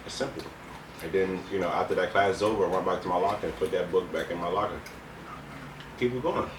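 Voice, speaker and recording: A deep-voiced young man speaks quickly as co-host of a couple's video, chatting casually in a blunt, slangy way and repeating himself for emphasis. The room is echoey, the mic distant, and background noise clear.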